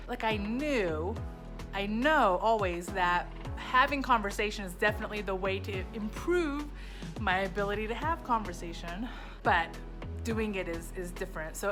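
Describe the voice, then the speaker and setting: A woman vlogger with a medium-pitched voice, whose first language was Japanese, reflects casually on her language-class experience. She's candid and self-deprecating, often repeating short phrases.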